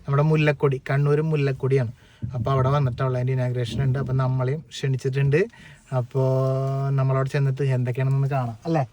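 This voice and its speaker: A man's voice: medium pitch, level tone, quick pace, dark tone. A man from chats casually for a vlog, teasing and mixing English words into Malayalam. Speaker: vlogger.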